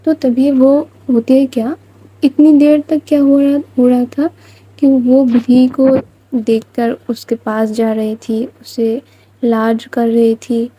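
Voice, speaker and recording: Slow, husky woman telling a story. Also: a little high, little pitch movement, dark tone, no room sound, poor audio. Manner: plain, rambling retelling with fillers. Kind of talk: storybook narration.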